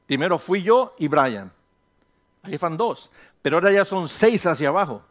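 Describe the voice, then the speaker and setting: Pastor, man, high voice, lively sermon delivery, rhetorical questions, slips into English now and then. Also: normal speed. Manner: animated, rhetorical questions, voices imagined listeners; mixes in English phrases.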